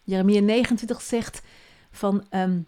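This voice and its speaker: A woman speaks straight to the listener on a devotional podcast. She is earnest and encouraging, and her voice sits at a middle pitch. She often sinks to a soft hush. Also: fairly even intonation, moderate pace, clear, resonant tone.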